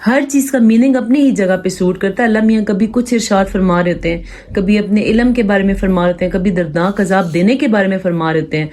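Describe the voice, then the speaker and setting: A woman with a Pakistani Urdu accent teaching tajweed, explaining rules patiently and reciting verses slowly to demonstrate. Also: mid-range voice, darkish tone. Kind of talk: step-by-step tajweed lesson with slow recitation examples.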